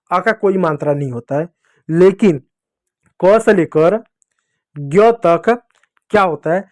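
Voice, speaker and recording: A man's voice: sits high, a little mellow. A man teaching a beginners' reading lesson to young children, friendly and playful, explaining with everyday examples and lots of repetition.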